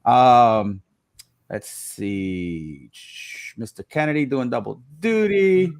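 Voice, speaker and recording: A man's voice: medium pitch, animated, slow pace, a little mellow, clear, resonant tone, no room sound, studio quality. A man hosting a casual live-stream chat, upbeat, greeting guests and reading comments over a video call. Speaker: host.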